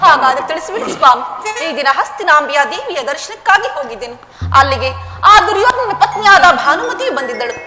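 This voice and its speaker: A woman's voice: high-pitched, very animated, brisk. A woman playing the wronged queen Draupadi in a village stage drama, declaiming with bitter, tearful scorn. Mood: proud. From Karnataka. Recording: echoey live stage recording with music.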